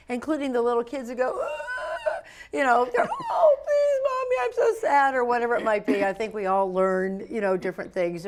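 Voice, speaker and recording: A woman guest in an interview, chatting in a playful, animated storytelling way. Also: mid-range voice. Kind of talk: lively interview chat.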